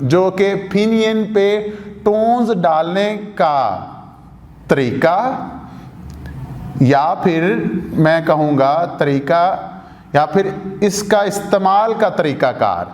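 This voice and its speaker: A man with a Pakistani Urdu accent teaching a language lesson in a studio, slowly repeating points and answering his own questions. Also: a little high, a little mellow, long reverb tail. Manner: slow, repetitive, asks and answers own questions. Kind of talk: video lesson explaining rules.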